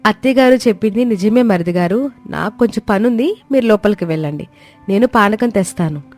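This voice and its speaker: A male narrator voicing a gentle, quietly clever young daughter-in-law who speaks softly and politely. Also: sits high, a little fast, soft background music, voice pushed up, lightly acted. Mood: calm polite. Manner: soft, polite, composed.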